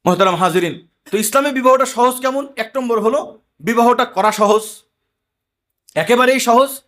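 Man, pitched high, preaching emphatically with stories. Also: moderate pace, a bit bright. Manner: emphatic, conversational sermon with anecdotes. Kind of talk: sermon.

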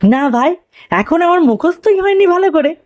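A woman's voice: very high voice, very animated, moderate pace, darkish tone, no room sound, studio quality. A woman voicing a shy, reluctant schoolboy in a story reading, hesitant and doubtful.

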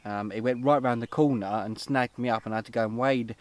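A man's voice: medium pitch, fairly even intonation, a little fast, no room sound. Chatty young British man at a lakeside. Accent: British English. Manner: chatty, upbeat, rambling with many fillers. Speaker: fishing vlogger. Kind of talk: casual outdoor vlog. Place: lakeside, outdoors and under a fishing shelter.

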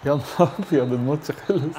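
A young man with an Egyptian Arabic accent chatting casually while playing a football video game, excitedly urging his players on and laughing. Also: medium pitch, fast talker. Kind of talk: casual gaming chat. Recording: noisy recording with game sound behind.

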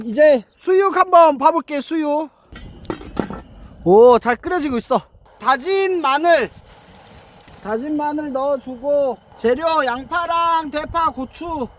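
A man's voice: very high-pitched, fairly bright tone, a little hiss or hum. A man chatting casually as he narrates his own cooking and eating vlog. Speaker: mukbang vlogger.

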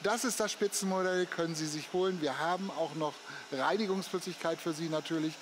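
A man hosts a teleshopping segment. He pitches in an upbeat, folksy infomercial style, talking off the cuff over clear, steady background noise. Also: a little fast. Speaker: teleshopping host. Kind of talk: infomercial sales pitch, unscripted.

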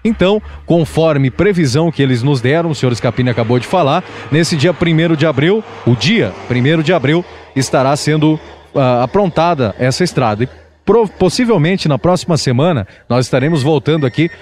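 A young man with a Brazilian Portuguese accent, a local radio and web TV reporter, files a field news report outdoors on a dirt road using a masked handheld microphone. His voice is a little high and darkish, animated, with slight background noise. He delivers briskly, reporter-style, with filler restarts.

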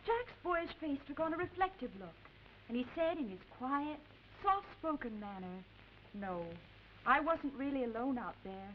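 An actress playing a woman reporter who tells a sentimental story in a smooth storytelling manner, in a 1950s television drama. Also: sits high, expressive, normal speed. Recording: dull lo-fi 1950s TV audio with faint hiss.

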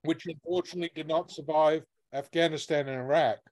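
A man speaks over a video call whose audio stutters and breaks up. His voice sits a little high, and he talks haltingly, repeating and restarting words as the connection chops in and out. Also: fairly even intonation, darkish tone. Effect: choppy, breaking-up video call audio. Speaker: guest speaker. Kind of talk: answering audience questions on a video call.

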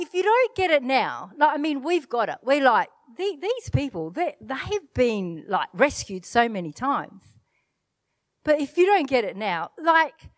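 A middle-aged woman pastor, a native Italian speaker, delivers an animated sermon from a church stage, holding a handheld mic and making self-deprecating asides. Her voice is high and the recording is dry.

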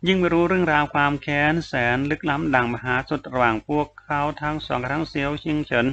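Male novel narrator, even delivery, gravel in the voice; slightly muffled recording. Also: on the high side, quick pace, slight background noise. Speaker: audiobook narrator.

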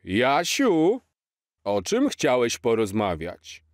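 A man voicing a jolly, kind old Santa Claus in a children's storybook, slow, hearty and fatherly. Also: medium pitch, wildly swooping pitch, no room sound, studio quality, pitched above the performer's own voice. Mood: gentle. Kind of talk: storybook character voice.

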